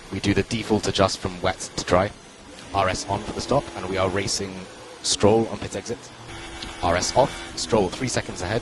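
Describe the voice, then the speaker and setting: A man working as a race engineer on team radio, giving calm, clipped spotter-style instructions and repeating key calls. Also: sits low, noisy background. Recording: radio transmission with loud music behind.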